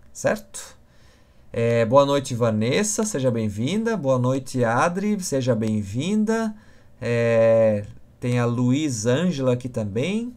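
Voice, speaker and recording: A man's voice: medium pitch, darkish tone. Man teaching a live Q&A. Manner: answers viewers by name, checks in with "ok?" and "certo?". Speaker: communication instructor. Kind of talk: live-stream Q&A lesson.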